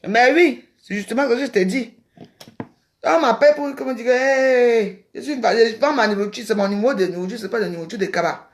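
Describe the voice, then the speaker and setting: Speaking fast in a fairly high voice, a woman from Cameroon rants on a livestream. She scolds and mocks her rivals in this heated tirade, circling back to repeat herself again and again.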